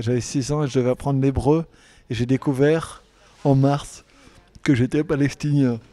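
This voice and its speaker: A male conference interpreter renders a panel speaker live, his warm, mellow, medium-pitched voice moving in short, halting phrases. He frequently breaks off, restarts, and corrects himself. The recording is dry and close, with no room sound around it.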